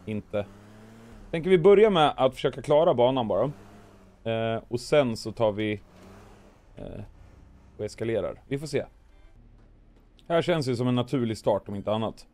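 A man whose throat is rough from weeks of coughing hosts a gaming video, describing each move with playful commentary and cartoonish noises. His medium-pitched voice is a little mellow, with lively intonation and frequent pauses.

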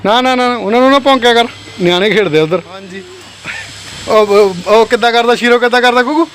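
A man's voice: very high voice, quick pace, fairly bright tone, slight background noise. Playful Punjabi father filming family. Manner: playful, talks to kids and pets. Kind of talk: casual family vlog chat.

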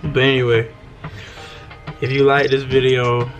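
A young man hosting a vlog, talking casually in a slangy, drawn-out way from a room at home, close to his camera. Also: medium pitch, level tone, muffled recording, faint music behind. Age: young adult. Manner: laid-back, slangy, drawn-out talk. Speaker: YouTube host. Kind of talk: casual street interviews and vlog outro.

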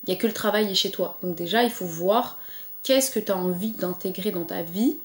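Woman vlogger, mid-pitched voice, encouraging casual talk to camera, roomy echo on the recording. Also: fairly quick. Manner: chatty and encouraging, with frequent fillers. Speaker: lifestyle vlogger. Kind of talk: casual motivational chat to camera.

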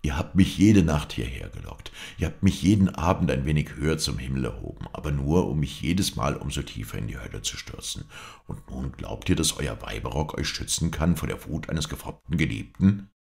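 A man's voice: rumbling low, lively intonation, a little fast, vocal fry, darkish tone, heavily acted. A man voicing a young sculptor, a jilted lover speaking in bitter, proud accusations.

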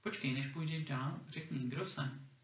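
A man's voice: a little high, steady tone, natural voice. A man voicing a patient enchanted dog. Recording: roomy echo, distant mic.

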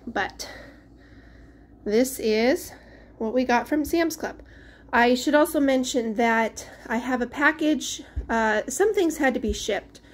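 Showing off her groceries, a chatty young mom who vlogs about her large family walks through the dining room and pantry at home. She talks casually in a voice on the high side, losing words and letting sentences trail off, recorded on a handheld camera at chest height.

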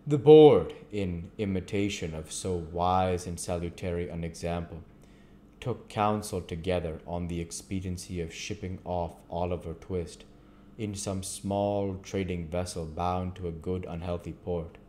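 A man reading a classic novel aloud at a measured pace, with the occasional stumble. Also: deep voice, mellow, slight background noise. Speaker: audiobook reader.

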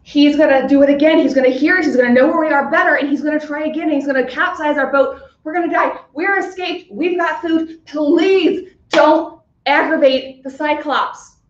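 Worried sailors beg their captain to stop, as a woman teacher puts them on in a casual retelling. The voice sits a little high. It echoes around a room and sounds muffled. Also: normal speed, few pauses, lightly acted. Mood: pleading. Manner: pleading. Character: worried pleading ship's crew.

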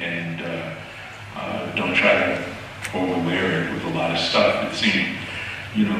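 A man with a very deep voice answers questions after a film, pausing and restarting often. He is picked up from far off in a reverberant theater, with a hum of noise underneath. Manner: halting, many fillers. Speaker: film actor at a festival Q&A. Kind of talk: unscripted answer at a screening. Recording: echoey theater from a distance with noise.

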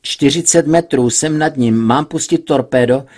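A man's voice: fairly high pitch, darkish tone, pitched above the performer's own voice, close to an everyday voice. A man doing a tense pilot calling out reports. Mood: reporting. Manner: clipped, reporting. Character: tense male pilot hunting a submarine.

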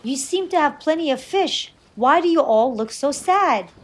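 Lady doing a high squeaky boy, puzzled and cheeky, storybook. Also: animated, normal speed.

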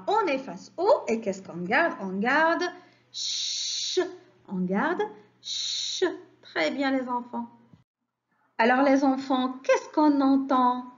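A woman teaching a phonics lesson to young children, stressing each syllable slowly in a sing-song way. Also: a little high, lo-fi sound.

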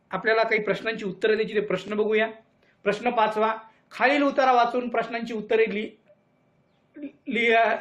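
A man's voice: extremely high pitch, a bit bright, highs cut off. A male teacher going through a worksheet, reading the questions and choices aloud and calling the viewers his friends. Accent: Marathi. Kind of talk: worksheet explanation lesson.

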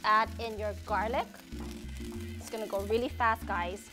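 Cooking indoors in a spacious home kitchen, a woman in her thirties explains every step of her demonstration in a friendly manner into a lapel mic. She speaks a little slowly, with a medium pitch and fairly even intonation, while music and frying sizzle fill the background.

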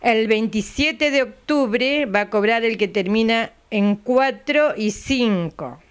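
At home in her living room, an older woman who heads a retirees' center gives a chatty local TV interview into the interviewer's handheld mic. In her Argentine Spanish she patiently repeats dates and ends lines with a questioning aside. Her voice is on the high side, slow-paced and smooth.

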